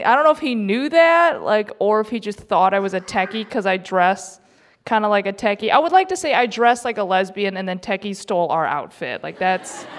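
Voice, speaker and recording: Young woman, comedian, live storytelling, chatty, self-mocking, laughs often. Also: medium pitch. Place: live event in a club.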